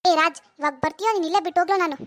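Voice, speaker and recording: A woman voicing a proud young woman who answers her sister's taunts with indignant vows in an animated cartoon. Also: very high voice, racing, no echo, clean studio sound. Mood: defiant. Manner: indignant, sharp, defiant.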